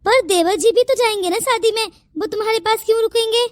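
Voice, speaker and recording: A woman voicing the family of a cartoon story in quick, bickering domestic chatter. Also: extremely high pitch, no echo, studio quality. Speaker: narrator voicing all family roles. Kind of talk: cartoon voice acting.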